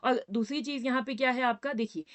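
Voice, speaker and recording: A woman's voice: high voice, fairly even intonation, a little fast. A woman teaching a grammar lesson, patiently repeating points and checking in with her students. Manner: addresses students as "बेटा".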